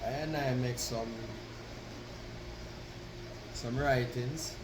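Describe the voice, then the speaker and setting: A man delivers a devotional address in Rasta speech, slowly and deliberately. He proclaims with weighty pauses and emphatic declarations. The recording is roomy and off the mic, with steady noise behind him. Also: medium pitch. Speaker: Rastafari speaker addressing followers. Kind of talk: devotional address with reading of own written piece. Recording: roomy, distant mic, constant background noise.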